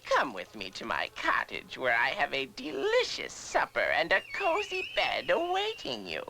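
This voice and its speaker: A woman playing a wicked forest witch as a very old, frail woman in a storybook drama, with a creaky, cackling, theatrically coaxing delivery. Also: sits low, wildly swooping pitch, normal speed, noisy background, exaggerated voice. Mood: falsely sweet, coaxing. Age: very old woman, as played. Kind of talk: dramatized storybook fairy tale.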